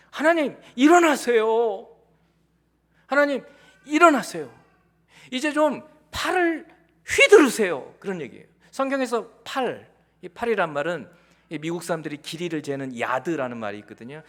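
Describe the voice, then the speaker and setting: Male pastor, sermon delivery, high voice with big swings in pitch, animated and theatrical. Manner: animated preaching, acting out prayers and quoted questions.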